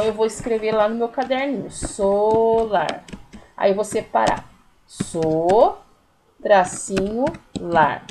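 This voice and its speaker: Patient Brazilian teacher with lively pitch. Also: female voice, background noise. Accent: Brazilian Portuguese. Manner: slow, patient explaining with diminutives and counting aloud. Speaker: primary school teacher. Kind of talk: recorded remote class lesson.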